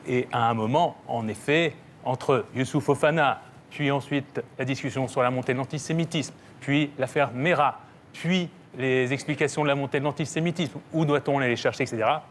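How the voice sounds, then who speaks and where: A man speaking as a talk-show guest, measured and insistent, careful to set the record straight. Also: medium pitch, slight background noise. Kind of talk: earnest talk-show exchange.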